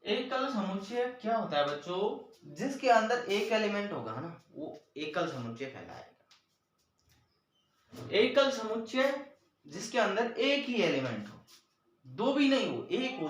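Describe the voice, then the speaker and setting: In a strongly echoing room and some distance from the mic, a man teaches a maths lesson, explaining every step and repeatedly calling on the children. His high voice has a sing-song quality with wide pitch swings, a moderate pace, and slight background noise.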